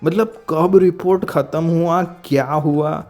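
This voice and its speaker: Earnest man with a dark, mellow voice. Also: fairly high pitch, steady tone, faint music behind. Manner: halting, searching for words, frequent restarts; earnest and heartfelt. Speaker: devotee sharing a testimony. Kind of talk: emotional personal testimony.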